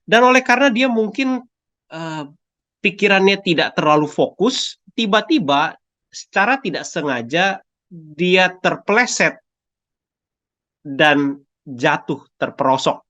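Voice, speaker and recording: A man, an evangelist, telling a story in a sermon in an animated way with hesitant fillers. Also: sits high, dull audio.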